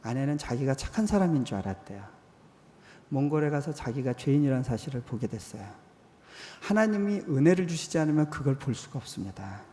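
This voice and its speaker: A man's voice: mid-range voice, big pitch swings, brisk. A man in his forties preaching a sermon in a church hall, telling personal stories in a conversational way. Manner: conversational, acts out quoted voices, drops soft for tender moments. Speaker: missionary preacher. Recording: long hall reverb.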